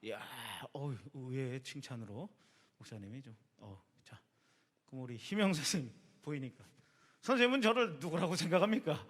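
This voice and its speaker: Youth pastor, male, chatty and quizzing the kids by name; sharp, bright tone, reverberant sanctuary. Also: medium pitch, expressive, brisk. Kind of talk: casual youth sermon. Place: church sanctuary. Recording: long reverb of a church hall.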